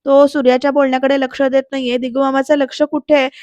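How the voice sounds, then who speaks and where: A woman's voice: high-pitched, level tone, fast talker, a little mellow, no echo, dull audio. A woman narrating a voice-over recap of a TV serial episode in a chatty way, often turning to address the viewers.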